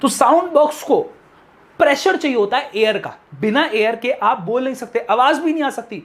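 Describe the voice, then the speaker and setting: A male science teacher gives a classroom biology lecture. He mixes in English technical terms, asks questions and answers them himself, and repeats key terms slowly for emphasis. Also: extremely high pitch, animated.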